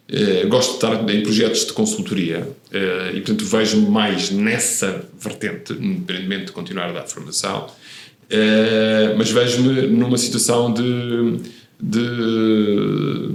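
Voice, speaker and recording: A real estate professional in his fifties, born in Italy, talks thoughtfully as a guest in a relaxed podcast interview. His fairly low voice carries vocal fry and sounds reverberant. He hesitates and restarts frequently.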